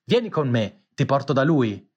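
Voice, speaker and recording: A man voicing a large, kind pigeon in a storybook reading, in a calm, plain tone. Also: medium pitch, moderate pace, breathy edge.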